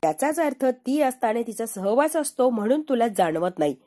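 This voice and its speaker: A woman's voice: on the high side, big pitch swings, normal speed, dark tone. A woman voicing a man's needling inner voice. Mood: scolding. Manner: needling, lecturing. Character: man's own inner voice, teasing and scolding.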